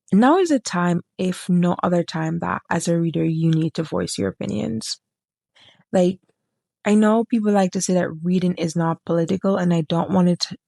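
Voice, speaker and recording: A woman with a low, gravelly voice talks casually to camera about books. She rambles and drifts off topic, often stopping to correct herself. The sound is dry and close, with no room around it. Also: darkish tone, dry recording. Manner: rambling, sidetracked, self-correcting. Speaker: book reviewer.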